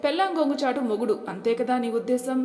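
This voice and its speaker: A woman's voice: sits high, animated, quick pace, dark tone. Give me a woman doing a stern older father scolding his family, in a roomy, echoing space. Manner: lecturing, rhetorical questions. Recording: echoey room, long reverb.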